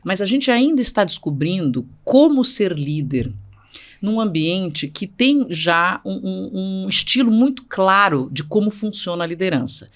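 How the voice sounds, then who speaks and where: Female guest, middle-aged, firm and emphatic, very animated intonation. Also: medium pitch, measured pace. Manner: emphatic, assertive, repeats for stress. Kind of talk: conversational interview.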